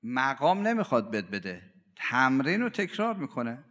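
A man preaching a religious sermon. He swings dramatically between loud and hushed delivery and acts out quoted voices and everyday cries. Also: medium pitch, sing-song, long reverb tail.

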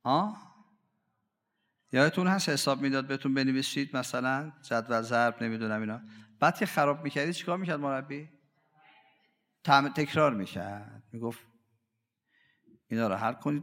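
Long pauses and a lengthy reverb tail mark this religious sermon from a man with a mid-range voice. He shifts dramatically from booming to hushed and performs quoted voices and ordinary cries.

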